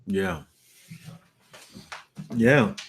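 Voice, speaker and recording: A man hosting a Bible study discussion, chatting casually and telling loose, animated stories, acting out scenes with playful sound effects. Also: fairly low pitch, extremely slow, a little hiss or hum. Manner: loose, rambling with restarts. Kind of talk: casual chat.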